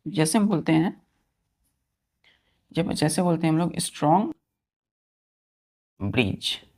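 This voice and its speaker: A male teacher runs an online grammar lesson patiently and repetitively, often checking whether students have understood and mixing English terms into his explanations. His voice is on the high side, gravelly, and a little mellow.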